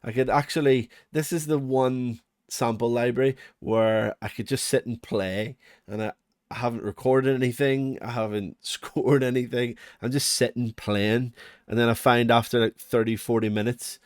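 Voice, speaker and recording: Here the Northern Irish music production host speaks at medium pitch and normal speed with fairly even intonation. His unscripted tutorial walkthrough is casual, chatty, rambling and self-deprecating, captured in studio quality without room sound.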